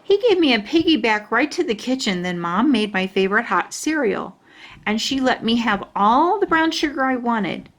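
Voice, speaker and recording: A woman reads a children's storybook aloud with expressive storytelling flair, her fairly high voice moving at normal speed.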